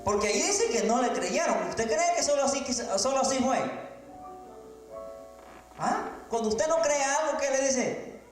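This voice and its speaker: A man with a very high voice preaches a sermon in a church sanctuary. He shouts at the peaks and teases the congregation with playful questions. The hall rings with heavy echo, and music plays behind him. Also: lively intonation, unhurried, long pauses. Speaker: pastor.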